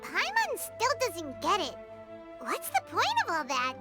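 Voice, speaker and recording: A woman voicing a small, curious childlike fairy companion with a squeaky voice in a video game. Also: wildly swooping pitch, unhurried, music in the background, heavily acted. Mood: puzzled. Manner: speaks of herself in third person.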